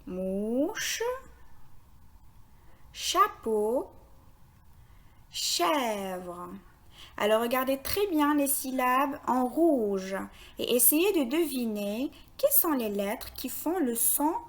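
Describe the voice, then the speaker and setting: A woman's voice: high voice, expressive. A woman teaching young children to read, sounding out words syllable by syllable and praising their answers. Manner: slow, deliberate, syllable by syllable. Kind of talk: phonics lesson for young children.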